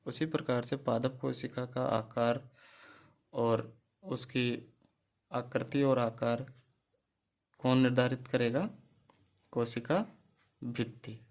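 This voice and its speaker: A man's voice: medium pitch, steady tone, takes it slowly, pauses often, a little mellow. A man teaching a biology class for exam preparation. He asks questions, answers them himself and repeats key terms. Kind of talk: exam-prep lecture.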